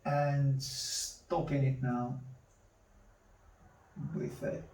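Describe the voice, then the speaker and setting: A man demonstrating charcoal drawing, talking slowly to himself as he works and repeating words under his breath. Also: medium pitch, level tone, darkish tone. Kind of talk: thinking-aloud drawing demonstration. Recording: roomy, mic at a distance.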